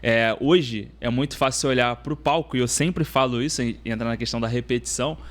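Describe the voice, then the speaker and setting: Guy hosting a podcast, normal pitch, motivational, likes repeating himself. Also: a little fast. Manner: motivational, repeats points, asks follow-up questions. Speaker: podcast host. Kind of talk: podcast interview.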